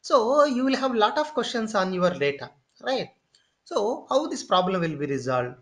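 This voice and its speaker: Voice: medium pitch, big pitch swings. Patient, repetitive tech instructor. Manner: explains step by step, often pausing with "okay" and "say"; repeats and restarts phrases while thinking. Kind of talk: screen-share tutorial lecture.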